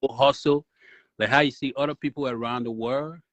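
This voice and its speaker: A man's voice: mid-range voice, steady tone, fairly quick, fairly bright tone, no room sound. A man, chatting casually and giving emphatic opinions as a call-in guest. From Liberia. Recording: dull lo-fi call audio.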